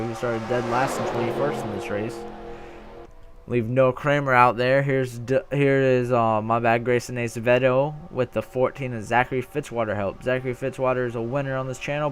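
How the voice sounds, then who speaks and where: Calling a simulated stock car race in a laid-back way, a young man with a mid-range voice rambles, frequently corrects himself, and gets worked up whenever the cars run close.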